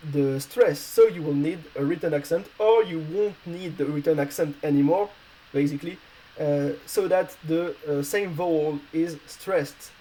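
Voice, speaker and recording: A male Spanish teacher explaining a grammar lesson in non-native English, pausing often with filler sounds and small slips. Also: fairly high pitch, dark tone, slight background noise, poor audio. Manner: hesitant, many pauses and filler sounds.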